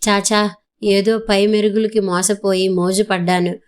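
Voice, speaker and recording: A woman voicing a short-tempered, remorseful husband in a storybook reading, with a smooth, even voice. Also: mid-range voice, a little slow, natural voice. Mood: irritable. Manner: irritable, complaining.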